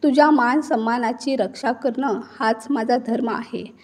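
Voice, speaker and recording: A woman's voice: a little high, fairly even intonation, a little mellow. Woman voicing a wronged mother-in-law turning defiant. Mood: earnest. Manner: slow, emphatic dramatic delivery.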